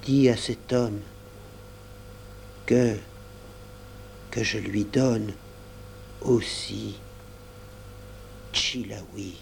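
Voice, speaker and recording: A man's voice: fairly high pitch, a little slow, dark tone, a little hiss or hum, close to an everyday voice. A small, grieving girl in a storybook, as a man reading aloud plays her. Her voice is faint and drops toward a murmur. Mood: whispering. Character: little dark-haired girl, fragile and sad.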